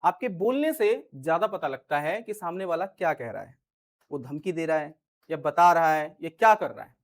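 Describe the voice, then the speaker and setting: A male teacher explains grammar in a relaxed, conversational lesson, talking as if straight to his students. He repeats little check-ins as he goes and performs his example sentences in shifting tones to show how delivery changes meaning. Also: fairly high pitch, moderate pace. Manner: chatty, repeats "ठीक है", acts out example lines in different tones. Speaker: English teacher. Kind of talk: casual Hindi grammar lesson.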